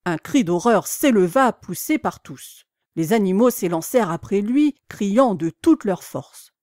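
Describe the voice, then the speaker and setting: A woman narrating a classic novel as an audiobook in a measured, dramatic storytelling manner. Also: medium pitch, animated, darkish tone, dry recording, clean studio sound. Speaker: audiobook reader.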